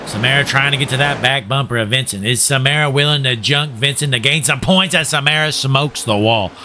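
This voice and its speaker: A man's voice: medium pitch, a little fast, sharp tone, a little hiss or hum. A young man giving folksy play-by-play commentary on a sim race, joking and calling to "folks", while losing his voice.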